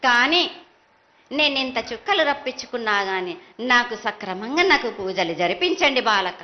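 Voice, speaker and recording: A woman's voice: fairly high pitch, lively intonation, moderate pace, bright, forceful tone. A woman with a Telangana accent speaking in a prophetic trance voice as an oracle of the mother goddess, insistent, commanding and repetitive. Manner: insistent, commanding, repetitive, addressing devotees as children. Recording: dull lo-fi sound.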